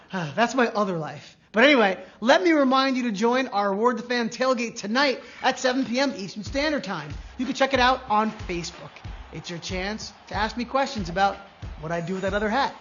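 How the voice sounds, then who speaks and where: A man's voice: sits high, animated, a little fast, a bit bright, lo-fi sound, slight background noise. Playful man hosting a trivia show. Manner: jokey, playful asides. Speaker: trivia game show host. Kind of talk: live-streamed game show hosting.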